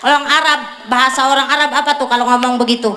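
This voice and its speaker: A woman's voice: high-pitched, fairly even intonation, quick pace, sharp tone. A woman preacher from Tangerang, giving a humorous sermon and teasing the crowd. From Tangerang, Indonesia. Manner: joking, teasing and bantering with the audience. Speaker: female Islamic preacher. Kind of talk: humorous religious sermon at a community celebration. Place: neighborhood religious gathering. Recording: echoey, noisy sound-system recording.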